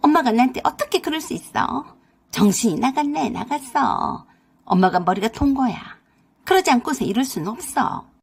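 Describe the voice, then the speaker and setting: A woman voicing a spoiled, greedy young sister-in-law in a storybook radio drama, talking high, loud and pushy. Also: sing-song, moderate pace, slightly rough, exaggerated voice. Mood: shrill.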